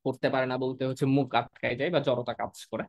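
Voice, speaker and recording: A man's voice: mid-range voice, flat delivery, fast talker, no room sound. Dry-sounding Bangladeshi man teaching a class. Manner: explanatory, checks in with "তাই না?" and "কেমন?", mixes in English words. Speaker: PTE exam teacher. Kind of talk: live class lecture.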